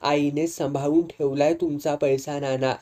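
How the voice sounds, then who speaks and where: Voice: mid-range voice, level tone, a little slow, dark tone, lightly acted. A storyteller voicing a young daughter, anxious and soothing toward her family. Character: worried caring young daughter, soothing and urgent.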